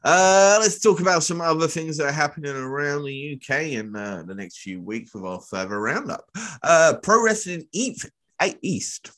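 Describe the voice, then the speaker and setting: An English man co-hosting a podcast, reading event cards with quick joking asides in a casual news roundup. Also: on the high side, lively intonation, fairly bright tone. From England. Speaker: podcast co-host.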